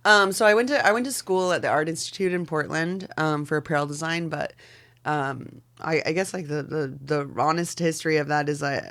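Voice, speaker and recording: A woman's voice: deep voice, brisk, fairly bright tone. A woman in her forties from Oregon, a podcast guest talking in loose, casual chat full of "like"s and the odd swear word. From Oregon, Pacific Northwest. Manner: loose and chatty, many "like"s and fillers, swears casually. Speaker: podcast guest, fashion designer.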